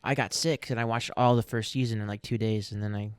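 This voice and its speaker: A man's voice: on the low side, quick pace, clear, resonant tone, no room sound. Young man in dry, close podcast chat. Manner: animated, laughs easily, restarts sentences. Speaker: podcast co-host. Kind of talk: casual chat.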